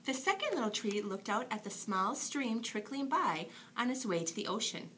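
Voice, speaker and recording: A woman reads a children's bedtime story aloud in an expressive, dramatic storytelling manner. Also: on the high side, moderate pace, background noise. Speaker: storybook reader.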